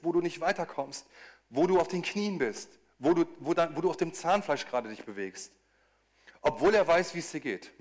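A man preaching a sermon, talking animatedly, often stumbling into restarts, acting out quoted voices and cries with rising emphasis. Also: on the high side.

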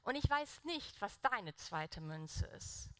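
A woman's voice: medium pitch, big pitch swings, slow pace, a bit bright, smooth, no echo, studio quality. A young woman preaching a sermon in an earnest, conversational way, putting direct questions to the congregation.

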